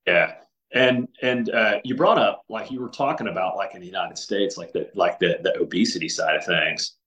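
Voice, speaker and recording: A man with a fairly low voice speaks as a podcast guest. He talks earnestly and conversationally, stumbling through restarts and leaning on filler words as he makes his points. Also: moderate pace, bright, forceful tone, dull audio. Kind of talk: casual interview conversation.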